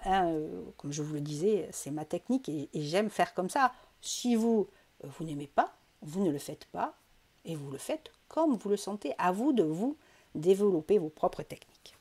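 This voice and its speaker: A woman's voice: lowish voice, a little mellow. Female craft tutorial host, casual and chatty, hesitant with frequent fillers, close desk-mic sound. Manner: chatty, hesitant, many fillers and self-corrections. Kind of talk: casual step-by-step craft demonstration.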